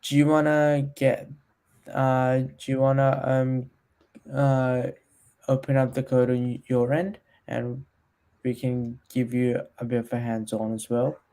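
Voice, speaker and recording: Slow-talking man with a mellow voice. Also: mid-range voice, flat delivery. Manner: hesitant, restarts, reads chat aloud. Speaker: stream host mentoring a developer. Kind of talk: casual livestream chat.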